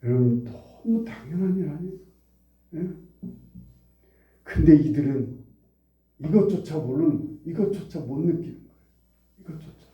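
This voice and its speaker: A man's voice: on the high side, lively intonation, moderate pace, pauses often, dark tone, reverberant, recorded from a distance, low-quality recording. A male pastor preaching a sermon, who repeats phrases for emphasis and asks the congregation questions. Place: church sanctuary.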